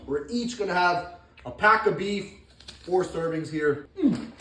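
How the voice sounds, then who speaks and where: A man's voice: high voice, animated, unhurried, bright, forceful tone, breathy edge, poor audio. A man narrating his vlog casually, with informal, colloquial phrasing. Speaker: vlogger. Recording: faint ambient vehicle noise. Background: faint ambience, vehicle sounds.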